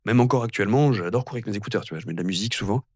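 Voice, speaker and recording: Fast-talking man, rambling and relaxed. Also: lowish voice, no room sound. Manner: rambling, many fillers and restarts. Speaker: guest, physiotherapist and amateur triathlete. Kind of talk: casual podcast conversation.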